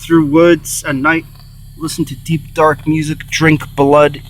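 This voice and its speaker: A man hosting a paranormal session in casual, halting talk, repeating himself and breaking off phrases. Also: a little high, flat delivery. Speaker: host of a paranormal spirit box session. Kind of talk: casual rambling vlog talk, addressing spirits and viewers. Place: in or beside a car. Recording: faint hum and noise.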